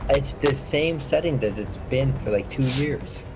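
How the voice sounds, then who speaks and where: A man's voice: mid-range voice, lively intonation, normal speed, music in the background. A man on a clipping, distorted headset mic, chatting casually as a player in a streamed tabletop game and puzzling over his mic settings. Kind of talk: casual chat.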